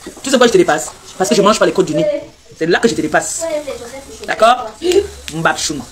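Lady on a live, talks quick and loud, teasing, preaching blessings over and over. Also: on the low side, animated, a crowd in the background. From Cameroon. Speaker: live-stream host. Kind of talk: casual live-stream chat and blessings.

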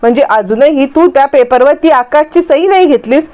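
A woman's voice: sits high, moderate pace, darkish tone, lightly acted. A woman reading the lines of a scheming, bossy middle-aged aunt who scolds sharply. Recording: dull lo-fi recording.

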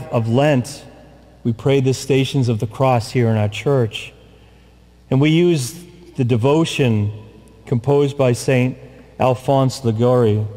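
A priest with a dark, mid-range voice preaches a slow and solemn sermon from the pulpit, deliberately pausing long and repeating himself. The large church gives a long reverb, caught by the pulpit mic and a far-away camera.

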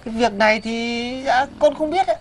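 An actor with a Northern Vietnamese accent playing a meek, evasive hard-drinking husband in a sitcom. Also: male voice, extremely high pitch, moderate pace, very noisy. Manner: meek, evasive, deferential to mother. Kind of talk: sitcom acting.

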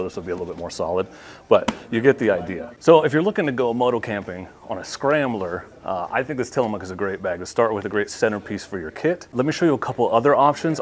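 A man in his thirties with a fairly low voice walks viewers through gear in an easygoing, friendly way. He sounds relaxed and practical, dropping casual asides. He is recorded in a large indoor motorcycle showroom. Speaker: company product presenter. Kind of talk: product demonstration.

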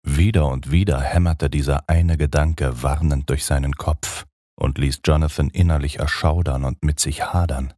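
Male audiobook narrator, extremely deep voice, dry close sound, dramatic measured reading. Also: warm tone, no room sound.

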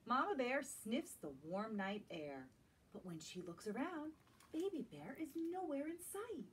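Pitched high and swinging widely, a woman's voice reads a picture book with expression to a group of children, much like a library storytime; she's around her forties. Slow, questioning asides go out to the young listeners in the small, bookshelf-lined room. The sound comes from a distant camera mic a few metres away, with slight background noise.

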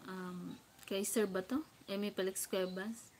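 Woman vlogger, soft and quiet, slow unhurried delivery, apologetic, reading shout-outs with birds behind her. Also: mid-range voice, steady tone, a little hiss or hum. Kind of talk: casual livestream chat. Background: birdsong and outdoor ambience.

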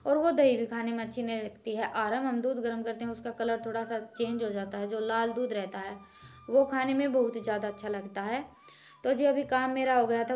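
This village cooking vlogger is a woman in her thirties from Haryana, India, with a fairly high-pitched voice and a darkish tone. Her voice-over is homely and chatty as she explains each step to her audience.

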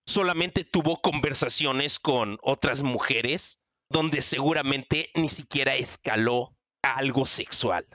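A male host lectures his viewers with assertive commentary. His voice sounds bright and forward, recorded dry and close with no room sound. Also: mid-range voice, dry recording.

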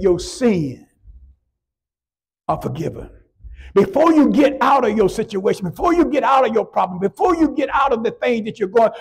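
Husky, gravelly-voiced preaching man. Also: sits high. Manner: preaching with shouted peaks and drops, repeating "praise God". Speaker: pastor. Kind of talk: sermon.

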